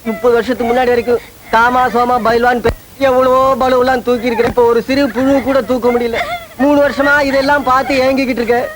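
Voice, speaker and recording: A man's voice: extremely high pitch, level tone, fast talker, noisy background. An actor playing a rich old father, once a wrestler, who laments comically in a Tamil film. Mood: lamenting. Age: older. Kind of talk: Tamil film comedy acting.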